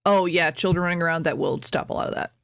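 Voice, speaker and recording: A woman's voice: fairly low pitch, steady tone, quick pace, clean tone, no echo, studio quality. A young adult woman streamer chatting casually at home, rambling, reading chat aloud and laughing often. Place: at home, birds outside.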